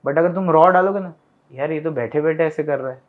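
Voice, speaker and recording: A man's voice: fairly high pitch, fairly quick. A young man chatting as a podcast guest, telling stories and acting out family dialogue. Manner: animated retelling that acts out family dialogue. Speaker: podcast guest, content creator. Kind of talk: casual storytelling chat. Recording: tinny phone-like sound.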